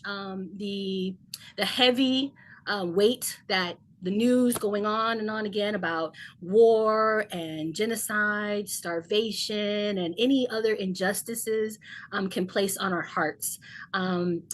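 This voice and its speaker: A woman hosting an online healing event over a video call, speaking earnestly with many ums. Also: medium pitch. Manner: warm-paced, filler-heavy, earnest. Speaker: host, shamanic healer.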